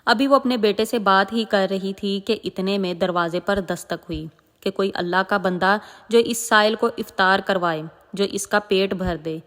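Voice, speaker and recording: A woman's voice: mid-range voice, fairly even intonation, fairly bright tone. Woman storyteller with heavy echo. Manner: dramatic, emotive narration. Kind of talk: narrating a moral religious story. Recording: long echoing reverb.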